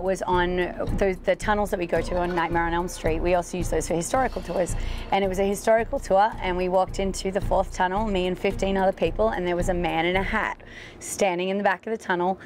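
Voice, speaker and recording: Woman ghost tour guide chatting informally, kinda low voice, a bit wry, music behind her. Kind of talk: casual explanatory interview talk.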